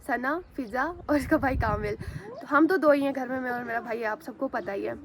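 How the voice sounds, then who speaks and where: High-voiced chatty woman vlogger. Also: brisk. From Jammu and Kashmir, India. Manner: chatty, rambling, addresses viewers as "guys". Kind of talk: casual vlog storytelling to viewers. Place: outdoors on a rooftop and at a school ground.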